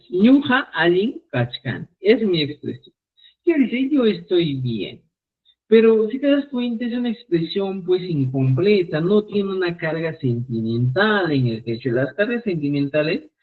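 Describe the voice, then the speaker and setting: A man teaching a live online Quechua class, repeating phrases slowly for students. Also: a little high, big pitch swings, breathy edge. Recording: phone-like narrow sound.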